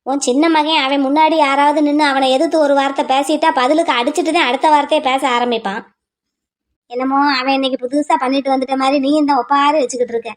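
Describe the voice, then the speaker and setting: Woman doing a village sister-in-law for a cartoon, high voice, scolds and lectures nonstop. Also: steady tone, lightly acted. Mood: scolding. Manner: scolding, exasperated, rapid lecturing. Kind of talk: cartoon voice acting.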